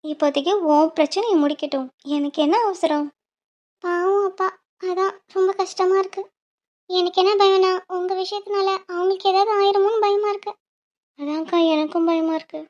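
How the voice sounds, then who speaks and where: A performer voicing female characters in an animated cartoon, from worried schoolgirls to a sharp, scolding mother. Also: extremely high pitch, moderate pace, dull audio. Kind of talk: animated Tamil cartoon voice acting.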